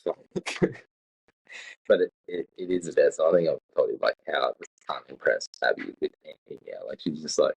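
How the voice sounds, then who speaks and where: A man's voice: very deep voice, animated, moderate pace, creaky, darkish tone, slightly rough. A young man, chatting casually on a podcast, rambling and swearing as he acts out what others said. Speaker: podcast co-host. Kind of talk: casual chat. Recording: dull lo-fi sound.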